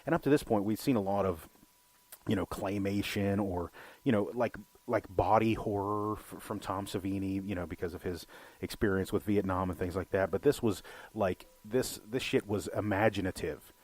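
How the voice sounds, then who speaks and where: With a fairly low, darkish voice at normal speed, a podcast co-host rambles about films in casual conversation. He curses freely and leans heavily on "you know," and the recording is dry.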